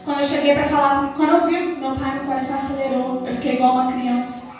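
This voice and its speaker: A woman's voice: high-pitched, little pitch movement, quick pace. Woman, Brazilian accent, young adult, testimony sermon, passionate storytelling, very reverberant church, faint music behind. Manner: impassioned, storytelling with quoted prayers. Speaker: preacher giving testimony. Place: church service hall. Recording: very echoey hall from far off.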